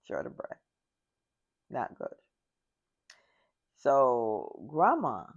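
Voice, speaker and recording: A woman's voice: very deep voice, creaky, darkish tone, muffled recording. A woman vlogger telling a casual story, drawing out her words and repeating key phrases.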